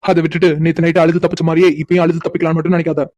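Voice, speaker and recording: A woman's voice: deep voice, little pitch movement, very fast, a little mellow, dry recording. A woman voicing Sham, a cocky stubborn young man. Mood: teasing. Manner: teasing, insistent, mocking. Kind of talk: cartoon voice acting.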